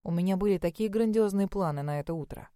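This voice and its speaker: A woman voicing a stern, brooding young husband who speaks low, firmly and measured. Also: dark tone, smooth, dry recording, studio quality, natural voice.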